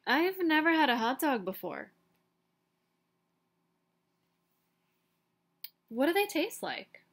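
A woman's voice: sits high, very animated, normal speed, gravelly, a bit bright, pitched above the performer's own voice, exaggerated voice. A woman voicing a small, curious, innocently pestering young duckling in a children's storybook, full of questions. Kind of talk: children's picture-book read-aloud.

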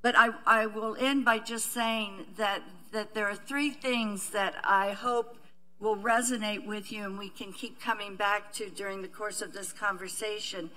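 A middle-aged woman, a university administrator, giving a measured panel presentation with many fillers and restarts, seated at a table in a conference room. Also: mid-range voice, fairly even intonation, bright, forceful tone, rough recording.

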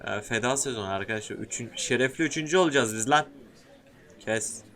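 A young man with a mid-pitched voice talks through a football career game. His delivery is excitable and slangy, and he swings from loud enthusiasm to muttered asides as he addresses the screen and his viewers. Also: brisk. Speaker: gaming YouTuber. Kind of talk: casual gameplay commentary.

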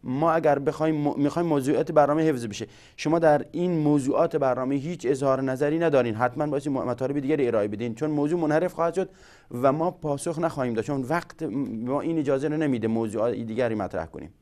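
A man's voice: mid-range voice, darkish tone. A man hosting a religious TV call-in show, patiently cutting in to steer callers and keep to the topic.

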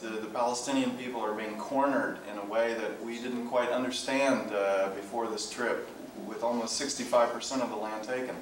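Male interviewer, heard from off-mic in an echoey room, hesitant careful questions, old tape with light hiss. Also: mid-range voice. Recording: distant roomy voice on old tape.

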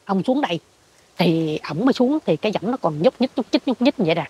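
An older woman with a Southern Vietnamese accent, telling a ghost story in an animated way and acting out what she saw. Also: mid-range voice, quick pace, slightly rough, dry recording, lo-fi sound. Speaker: interviewee. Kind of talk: ghost story told in conversation.

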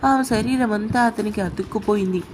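A woman narrating an emotional love story in a steady, expressive storytelling voice. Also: medium pitch, brisk, slight background noise, rough recording. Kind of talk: dramatic audio story narration.

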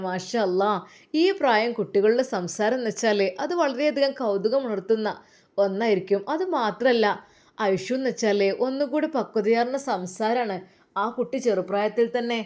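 A woman, narrating a family story in a homely, warm storytelling manner. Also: a little high.

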